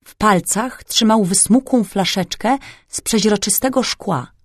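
A woman narrates a dark fantasy audiobook in a clear, even storytelling voice. Her voice sits at a middle pitch, and the close studio sound has no room echo. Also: a little slow.

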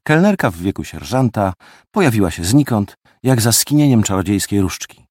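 A man reading a first-person audiobook story with lively, expressive delivery. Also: on the low side, moderate pace, dry recording, studio quality. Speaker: audiobook narrator.

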